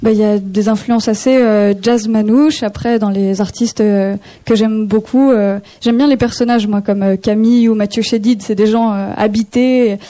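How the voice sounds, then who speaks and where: A young woman from Picardy, a singer-songwriter chatting in a radio studio interview, answering in a chatty, hesitant way with many pauses. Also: medium pitch, fairly even intonation, warm tone. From Picardy, France. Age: young adult.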